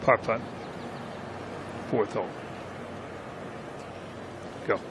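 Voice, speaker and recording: A man's voice: medium pitch, brisk. A man giving casual live golf commentary with folksy, plain-spoken reactions to each shot. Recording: loud crowd and outdoor broadcast noise. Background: crowd and outdoor noise.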